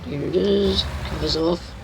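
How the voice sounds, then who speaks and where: With a lowish, croaky voice and a measured pace, an older New Zealand woman chats teasingly during a farming-game live stream, narrating how she drives. Background noise can be heard.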